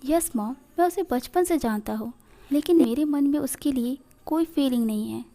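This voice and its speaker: A woman's voice: high-pitched, normal speed, dark tone. A woman voicing an angry young man who protests against an arranged marriage. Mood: firm.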